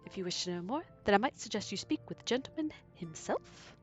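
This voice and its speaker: A woman's voice: mid-range voice, lively intonation, fast, slightly rough, lo-fi sound, faint music behind. A woman reading the lines of a polite, formal male guild clerk. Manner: formal, courteous.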